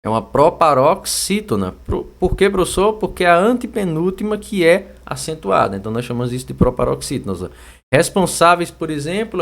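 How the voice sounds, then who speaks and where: A young Brazilian man teaching an exam-prep Portuguese lesson in a chatty, lively way, now and then shouting out words to show the stressed syllable. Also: on the high side.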